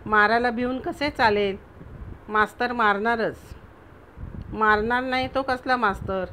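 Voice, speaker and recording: A woman reading a stern, practical father in a storybook tale, matter-of-fact and brisk. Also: on the high side, pushed and bright, slight background noise, poor audio.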